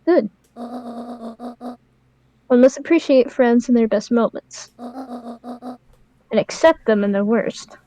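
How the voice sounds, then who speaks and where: A woman's voice: on the high side, slow, long pauses, breathy edge, no room sound, faint music behind. Woman doing a joking kindly grandma. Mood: gentle. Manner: calm, warm-hearted advice with crude jokes. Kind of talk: improvised game voice-over.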